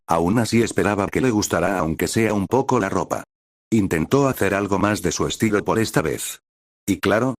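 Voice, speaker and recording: A man narrating fan fiction aloud in a steady storytelling manner. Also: low-pitched, no echo, clean studio sound.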